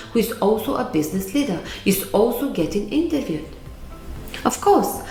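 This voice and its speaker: A woman's voice: mid-range voice, creaky, a little mellow, echoey room. A middle-aged woman from Bulgaria with a Bulgarian accent, giving earnest, emphatic motivational advice to camera and repeating key words. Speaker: vlogger giving life advice.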